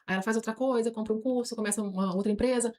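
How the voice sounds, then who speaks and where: Brazilian woman podcast guest, higher voice, rapid explanatory delivery, lively asides. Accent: Brazilian Portuguese. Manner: lively, voices imagined people's thoughts. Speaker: guest on self-knowledge podcast.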